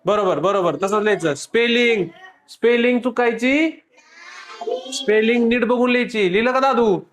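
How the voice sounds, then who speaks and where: A man's voice: very high-pitched, normal speed, a bit bright, a little hiss or hum. A man teaching a classroom of children, quizzing them with repeated questions and playful teasing.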